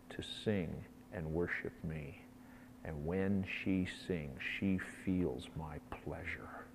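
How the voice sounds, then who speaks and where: A man preaching a sermon, dropping to hushed whispers and rising to loud, impassioned emphasis. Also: low voice, slight background noise. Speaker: pastor. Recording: long reverb, faint ambience.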